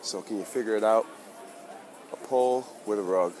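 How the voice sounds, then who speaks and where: A man hosting a casual street vlog outdoors, talking excitedly and in slang straight to his viewers. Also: lowish voice, normal speed. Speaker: vlog host. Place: outdoors on busy town streets. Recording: busy street crowd and noise.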